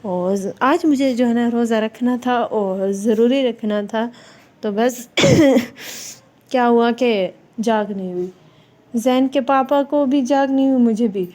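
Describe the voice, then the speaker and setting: A woman's voice: fairly high pitch, dark tone. A young woman and mother chatting casually through a home vlog, rambling from topic to topic and cooing in a sing-song to her baby. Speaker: family vlogger, mother of a small child.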